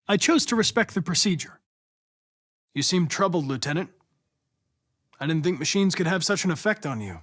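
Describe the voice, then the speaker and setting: An actor with an American accent voices a polite, determined young android police investigator in a video game. His high, slightly bright voice is precise, formal and measured.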